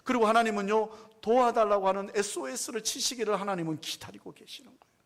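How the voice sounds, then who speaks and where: A man's voice: sits high, a bit bright. A man preaching a sermon as pastor, emphatic and full of rhetorical questions to the congregation.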